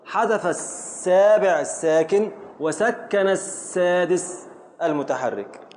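Middle-aged Egyptian man, slightly high voice, drills poetic metre in a classroom, slow and questioning. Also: expressive, darkish tone, slight background noise. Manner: slowly drawing out words to scan metre, quizzing students. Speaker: teacher of Arabic prosody. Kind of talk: classroom lesson.

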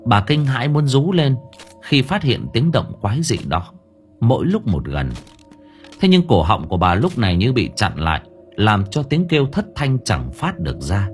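A man's voice: medium pitch, normal speed, soft background music. A man narrating a horror story in a dramatic, suspenseful audiobook style. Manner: expressive, suspenseful.

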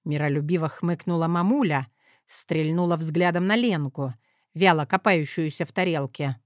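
A woman narrating a first-person audiobook in a measured, wry manner. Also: low-pitched, no room sound, clean studio sound.

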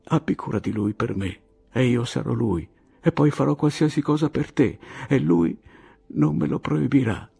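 A man's voice: mid-range voice, lively intonation, moderate pace, gravelly, dark tone, breathy edge, voice pushed up, heavily acted. A man doing a young woman praying in panic. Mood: desperate pleading. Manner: breathless pleading prayer, stammering.

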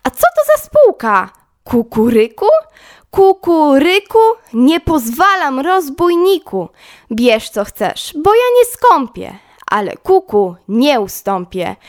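A woman's voice: high voice, sing-song, slow, full character voice. A woman voicing a stubborn cuckoo that shrieks indignantly in a storybook poem.

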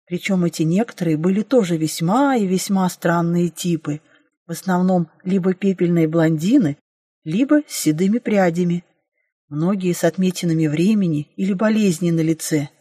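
A woman narrating a first-person fantasy audiobook in a lively, wry storytelling manner. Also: lowish voice, normal speed, husky, dry recording, clean studio sound.

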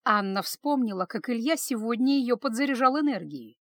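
A woman narrating an emotional story in an expressive, dramatic reading style. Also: on the high side, normal speed, dry recording, studio quality.

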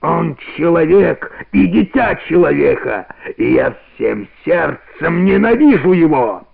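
A man's voice: very animated, takes it slowly, exaggerated voice. A man growling as Shere Khan the hateful tiger. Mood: snarling, demanding. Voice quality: gravelly, growling. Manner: snarling, demanding, wide swings of pitch. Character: hateful male tiger, snarling and menacing. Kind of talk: radio play reading. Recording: narrow-band old radio recording.

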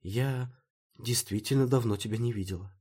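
A man's voice: medium pitch, normal speed, darkish tone, slightly rough, natural voice. A man reading an audiobook, voicing an anxious, pleading young woman in a dream with urgent, emotional delivery. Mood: eager. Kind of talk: audiobook character voice.

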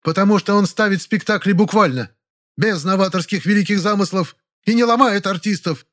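A man reading aloud, voicing a sharp-tongued, sarcastic older actress with a high, mocking voice. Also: a little fast. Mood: scornful. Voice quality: mocking, venomous. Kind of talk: audiobook character voice.

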